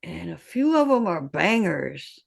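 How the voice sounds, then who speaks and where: This woman in her fifties, a recording artist, swears freely and speaks bluntly as a guest in a relaxed, candid interview, coming across as streetwise and animated. Her voice is fairly low, unhurried, creaky and slightly rough.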